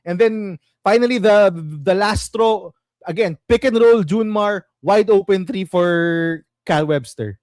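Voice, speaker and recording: A young Filipino man hosting a casual basketball chat, mixing English and Tagalog, animated and quick to laugh. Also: sits high, no echo, clean studio sound. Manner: animated, switches languages mid-sentence, laughs often. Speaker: basketball podcast host.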